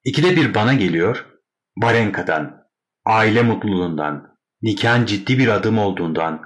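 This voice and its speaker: A man narrating a classic short story in a measured, wry storytelling manner. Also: fairly low pitch, lively intonation.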